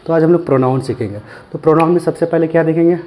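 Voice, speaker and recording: A man giving a language lesson, slowly repeating each word and asking and answering his own questions. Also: a little high, dark tone. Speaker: language teacher.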